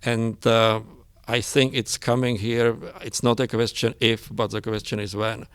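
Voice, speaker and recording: A man with a smooth, resonant voice speaking English, halting and full of fillers. The sound is dry and close, with no room echo. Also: medium pitch, level tone. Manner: halting, many fillers, non-native phrasing. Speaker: pathology professor, guest. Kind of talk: interview.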